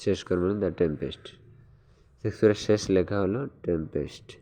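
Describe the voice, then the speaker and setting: A man's voice: low-pitched, mellow. A man tutoring for an exam, reading quiz questions and answers one by one, with hesitations and fillers. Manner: reads quiz questions slowly, then explains in quick asides. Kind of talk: exam-prep lesson.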